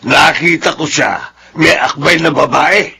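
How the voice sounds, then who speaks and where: An actor playing an angry older father-in-law in a radio drama, speaking with a raspy voice. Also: a little high, a little slow, pushed and bright, slight background noise, exaggerated voice. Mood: indignant.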